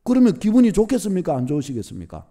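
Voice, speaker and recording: A man's voice: sits high, huge pitch swings, racing, mellow. A male pastor with a Gyeongsang accent, preaching a sermon emphatically, repeating his points and using homely everyday examples. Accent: Gyeongsang Korean.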